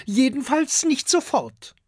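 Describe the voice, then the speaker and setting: A brisk, scolding mother dragon with a much higher, lively voice, as a male storybook reader puts her on. She fusses and corrects with wide pitch swings. The recording is close and dry. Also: no echo, exaggerated voice. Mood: scolding motherly.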